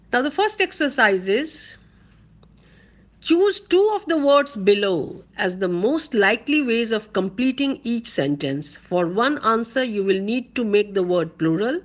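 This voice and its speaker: A woman with an Indian English accent giving a college grammar lecture, dictating slowly and repeating each point so students can take notes. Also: medium pitch. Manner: slow, deliberate dictation, repeating words for note-taking.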